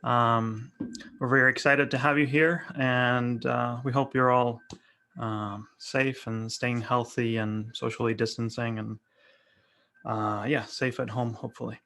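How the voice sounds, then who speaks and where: A man from Argentina presenting a software workshop over a video call, friendly and relaxed with frequent fillers. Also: mid-range voice, a little slow, gravelly. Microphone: webcam video call.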